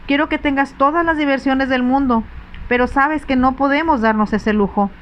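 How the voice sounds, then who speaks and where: A woman's voice: fairly high pitch, moderate pace, a little hiss or hum, natural voice. Woman voicing an earnest, sensible young lady, whispered role-play. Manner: earnest, pleading. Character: sensible anxious young stepdaughter.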